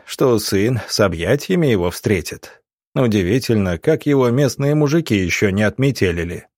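A young country doctor speaks calmly and reasonably, as a male audiobook reader plays him. The voice is low and steady. The sound is dry and close to the mic. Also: normal speed, no echo. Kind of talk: audiobook character voicing.

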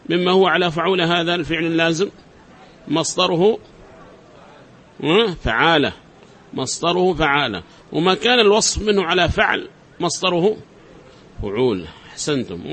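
A man with a fairly high voice, lecturing a class. He goes through the material patiently, repeats each example and keeps checking that his students follow. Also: lively intonation, normal speed, pauses often, fairly bright tone. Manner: explains step by step, repeats examples, quizzes students. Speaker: teacher of Arabic grammar.

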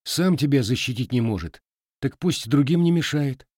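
A man playing a wry, steady young Cossack. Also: medium pitch, normal speed, no echo, studio quality, voice pushed up, close to an everyday voice. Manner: wry, mocking, firm.

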